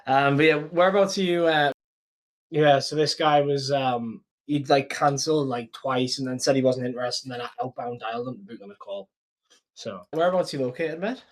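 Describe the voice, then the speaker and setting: On a rough recording, a medium-pitched British man talks briskly through sales technique while reviewing an old call he closed. His casual commentary is slangy, peppered with "like" and "mate."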